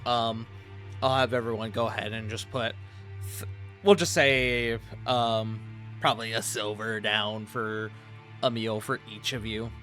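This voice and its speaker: A man's voice: on the low side, little pitch movement, measured pace, fairly bright tone, faint music behind. A man acting as game master, narrating a tabletop game in a casual, improvised way with informal banter.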